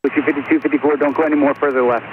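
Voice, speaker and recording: Air traffic controller, male, fast and slightly high, heard over a tinny static-filled radio. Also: fairly even intonation. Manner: brisk, rattles off clearances. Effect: heard over a crackly two-way aviation radio. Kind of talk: clipped radio phraseology.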